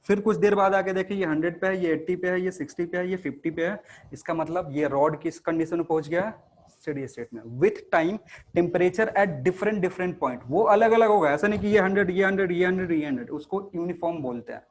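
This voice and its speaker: A man's voice: high-pitched, a little fast, a little hiss or hum. A male teacher giving a classroom lecture to students. He asks questions and answers them himself, and he mixes English technical terms into his Hindi.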